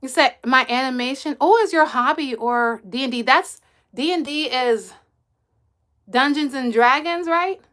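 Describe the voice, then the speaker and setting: Brief: bright, high-pitched woman, friendly chatty livestream host reading comments, quick laughs. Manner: chatty, laughs often, answers viewers directly. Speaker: livestream host and kids' coach. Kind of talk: casual live-stream chat reading comments.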